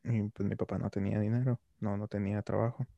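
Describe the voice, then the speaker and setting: A young man on a podcast, calmly explaining his views in casual conversation. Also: lowish voice, fast, creaky, dry recording, dull audio. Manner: calm, reflective explaining. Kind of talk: casual chat.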